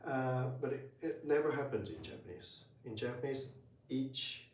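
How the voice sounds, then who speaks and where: A man teaching Japanese in a casual spoken lesson, talking slowly and hesitantly with many fillers. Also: mid-range voice, big pitch swings, darkish tone, a little hiss or hum. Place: room in Tokyo. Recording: roomy, from a distance.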